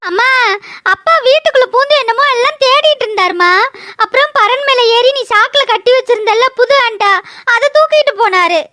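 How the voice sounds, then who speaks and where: A woman voicing a tearful little village girl who talks in a soft, whimpering way, in a cartoon. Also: very high-pitched, expressive, a little fast, background noise. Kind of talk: cartoon voice acting.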